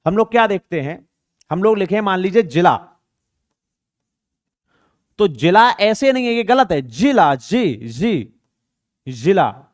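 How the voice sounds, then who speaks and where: A man's voice: high-pitched, dry recording, studio quality. A man teaching an exam-prep grammar lesson, asking rhetorical questions and repeating words to show pronunciation.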